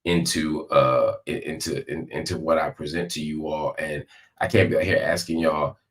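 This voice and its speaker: A man's voice: rumbling low, little pitch movement, normal speed. A man hosting live political commentary from a hospital room, talking straight to his viewers in an emphatic, conversational way with repetition for effect.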